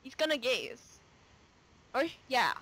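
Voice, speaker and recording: A young woman talking over a game with a friend, her voice high and bright. She swings all over her range as she giggles and lets out yelps at every hit. The talk is loose and playful. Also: sing-song, takes it slowly. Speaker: gamer playing a card duel. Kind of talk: casual gaming chat with a friend.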